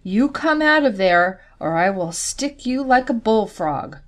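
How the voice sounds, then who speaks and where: A woman's voice: on the high side, lively intonation, unhurried. Betsy, a woman voicing a fierce farm woman. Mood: threatening. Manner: loud, forceful threats.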